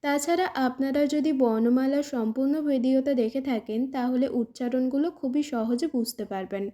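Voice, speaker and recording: In this slow scripted Bengali pronunciation lesson, the teacher speaks in a high, brisk yet mellow voice. Each example word is patiently repeated twice.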